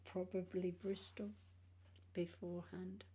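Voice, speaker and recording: Older british lady w missing front teeth, tired n rambling vlog chat, husky and soft-toned. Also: on the low side, flat delivery. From England. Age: 60s or older. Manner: halting, rambling, trailing phrases. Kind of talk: casual personal vlog chat.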